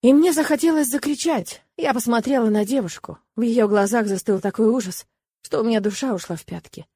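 A woman narrating a first-person fantasy audiobook with expressive, lively storytelling. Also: a little high, brisk, breathy edge.

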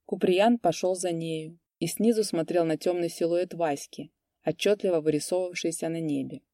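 Female audiobook narrator, low and mellow, steady reading. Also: moderate pace, no room sound, clean studio sound.

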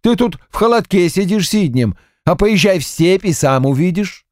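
A man's voice: sits high, animated, moderate pace, a little mellow, dry recording, clean studio sound, pitched above the performer's own voice. A man voicing a crafty, weathered Cossack farmer who spins boastful, mock-aggrieved tales. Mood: folksy.

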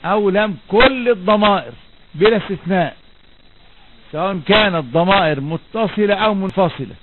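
A man's voice: high-pitched, a little fast. A man with an Egyptian Arabic accent teaching a grammar lesson, asking his students questions and answering them himself while repeating the key words. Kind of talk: classroom lesson. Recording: tinny lo-fi recording, faint background noise.

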